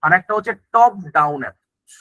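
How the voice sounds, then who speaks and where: Bright, high-voiced man teaching a class. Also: lively intonation, fast talker, no room sound, lo-fi sound. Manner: explains in Bengali mixed with English terms, checks understanding with "ঠিক আছে?". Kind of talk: exam-prep lecture.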